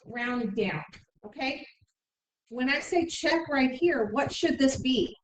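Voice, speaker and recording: A woman teaching a middle school math class, briskly explaining steps and checking in with "okay?" often. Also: high-pitched, expressive. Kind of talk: classroom instruction. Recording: echoey room, mic far off, faint noise.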